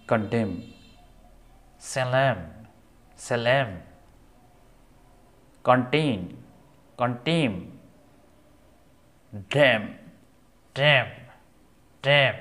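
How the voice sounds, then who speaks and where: A man teaching English pronunciation, reading word lists slowly and repeating each word, often checking in with the listener. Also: mid-range voice. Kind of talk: slow word-list pronunciation lesson.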